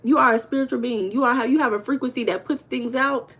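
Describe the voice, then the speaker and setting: Her voice is high, a bit bright and husky, brisk and fairly even in intonation. She's a Los Angeles livestream host with an American accent, reading viewer comments out loud with playful, slang-filled banter.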